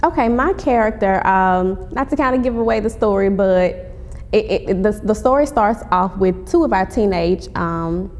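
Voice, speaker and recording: This woman's voice is animated and darkish in tone, moving at normal speed as she answers an interviewer politely and conversationally, saying ma'am. A playwright and actress, she's there to promote her stage play; the room echoes like a hall, with obvious rumbling in the background.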